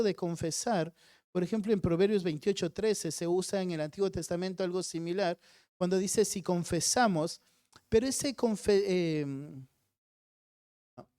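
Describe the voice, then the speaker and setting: Mellow-voiced man teaching Sunday school. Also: sits high, dry recording, studio quality. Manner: explains step by step, often checks in with "¿no es cierto?". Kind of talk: expository Bible teaching. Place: church Sunday school class.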